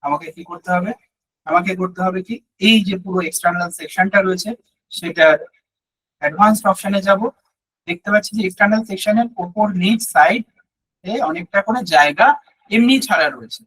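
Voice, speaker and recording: A man teaching web design in a live online class, talking slowly through each step and often checking that listeners follow; his voice is a little hoarse from talking a long time. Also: high voice, a bit bright, rough recording. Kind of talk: live screen-share tutorial.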